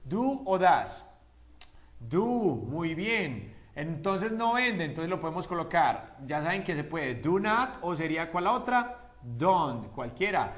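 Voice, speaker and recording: A male English teacher runs a lively whiteboard lesson in a fairly high voice. He asks his own questions and answers them himself, and he stretches each English example out slowly and carefully. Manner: slows down sharply for English example phrases.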